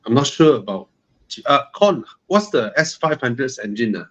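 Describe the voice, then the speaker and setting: A man's voice: mid-range voice, sing-song, moderate pace, a bit bright. A man with a Malaysian English accent co-hosting a live car Q&A, mostly giving short, direct agreeing replies. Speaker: co-host of a car buying Q&A. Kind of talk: live stream casual chat. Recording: dull lo-fi stream audio.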